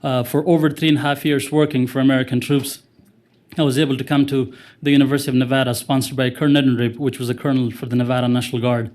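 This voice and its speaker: A man's voice: mid-range voice, level tone, fast talker, darkish tone. A man from Afghanistan, a former interpreter giving earnest public remarks at a city council meeting. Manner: earnest, grammar slips, fervent.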